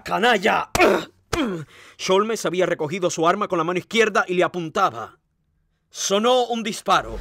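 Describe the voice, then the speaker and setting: A man's voice: fairly high pitch, no room sound. Man narrating a crime novel dramatically. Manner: expressive, dramatic reading. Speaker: audiobook narrator.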